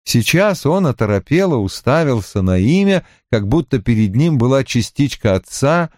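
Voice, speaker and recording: A man reading a novel as scripted audiobook narration in a lively, expressive way. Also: mid-range voice, moderate pace, no echo, clean studio sound.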